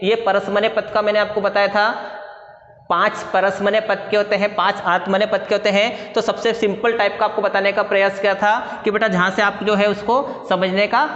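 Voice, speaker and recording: A man's voice: high-pitched, flat delivery, normal speed, a bit bright. A man teaching a Sanskrit grammar lesson in class, patiently reciting verb endings in lists and calling his students fondly. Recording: echoey hall, dull lo-fi sound.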